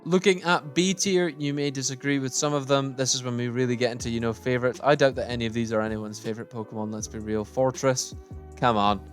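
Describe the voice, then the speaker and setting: A man's voice: medium pitch, fairly even intonation, fast, soft background music. A man giving casual, opinionated tier-list commentary, thinking aloud as he sorts. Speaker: gaming YouTuber.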